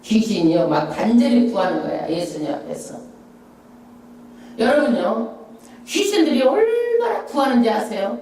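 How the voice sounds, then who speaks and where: A woman's voice: normal speed, slight background noise. A middle-aged woman pastor preaching a Bible-study sermon, stressing her points with rhetorical questions. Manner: emphatic, rhetorical questions, lively swoops in pitch. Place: church sanctuary. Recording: echoey church hall, voice from a distance.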